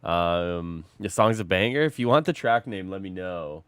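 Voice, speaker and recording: Male game streamer, under the weather, low-ish clear voice with very lively pitch, casual chatter to viewers. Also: normal speed, dry recording. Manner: loose and chatty, greeting and answering chat while playing. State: sick, slightly rough voice. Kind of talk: casual live-stream chat.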